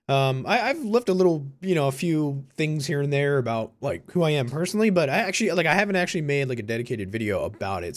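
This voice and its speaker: On the high side in pitch, this early-twenties man from Concord, California, with a Californian American accent, is a YouTuber and university student. He chats to viewers in a casual personal vlog, rambling and informal, frequently correcting himself and saying "you know" and "like".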